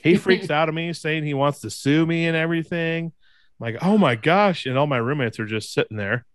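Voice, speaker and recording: A man's voice: brisk, clear, resonant tone, dry recording. A young man tells a story to his co-hosts in a loose, casual way. His voice leaps up when he quotes someone. The sound is dry and close, with no room around it. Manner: animated storyteller, voice jumps high when quoting people. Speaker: podcast co-host.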